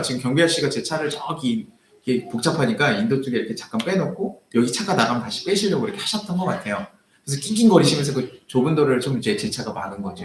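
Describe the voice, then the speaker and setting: Animated Korean pastor in an echoey church. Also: male voice, medium pitch. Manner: animated storytelling, acting out his own heated quotes. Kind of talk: sermon with a personal story. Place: church sanctuary.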